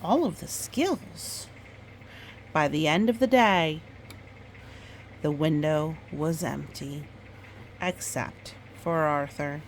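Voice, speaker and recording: Reading a children's story to listeners, a woman with a low-sitting voice is heard over slight background noise. She reads expressively, stopping to talk about the pictures.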